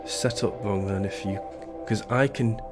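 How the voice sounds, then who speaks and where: A man's voice: fairly low pitch, unhurried, music in the background. A man chatting casually while playing a co-op game, narrating a role-play setup and poking fun at himself. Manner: animated, self-mocking, laughs often. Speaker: streamer and co-op player.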